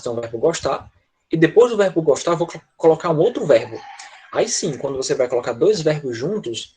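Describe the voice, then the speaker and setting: Brazilian male English teacher, slightly high, husky voice; patient explainer who keeps checking in. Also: a little mellow, low-quality recording. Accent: Brazilian Portuguese. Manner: patient, repeats "tá?" and "né?" to check understanding. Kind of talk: online class explaining grammar in Portuguese.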